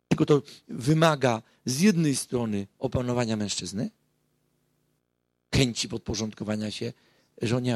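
A man's voice: medium pitch, creaky, slightly rough, no echo. A middle-aged man giving a public talk as a marriage counselor, telling stories earnestly and rising to emphatic outbursts. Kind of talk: public lecture to an audience.

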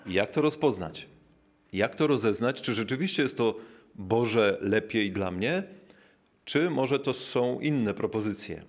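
A man preaching a reflective sermon, measured and unhurried, slowing down to stress key words and pausing with small filler sounds as he searches for his thought. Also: medium pitch, animated.

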